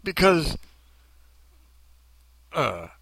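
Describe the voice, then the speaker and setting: A man's voice: on the high side, sing-song, extremely slow, vocal fry, fairly bright tone, no room sound. A man hosting a podcast in casual commentary, joking and self-mocking. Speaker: podcast host.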